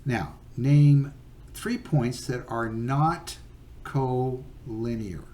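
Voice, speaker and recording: A man teaching a recorded geometry lesson, patient and unhurried, with many fillers and okays. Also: mid-range voice, warm tone, a little hiss or hum.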